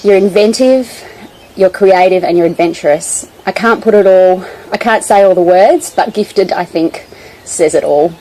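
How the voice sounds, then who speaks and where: A woman's voice: medium pitch, moderate pace, mellow, rough recording. A woman speaking a personal tribute to camera for a family wedding video. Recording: faint background noise on home video.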